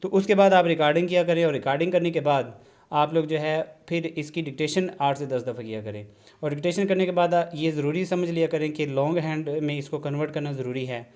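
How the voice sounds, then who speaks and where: A man gives a shorthand lesson on video. His voice sits a little high for a man. He explains patiently, checks in often with a short "okay", and drops English terms into his sentences. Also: a little fast, a little mellow. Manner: explanatory, repeats "theek hai ji", mixes English terms into Urdu. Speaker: shorthand instructor. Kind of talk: classroom-style video lesson.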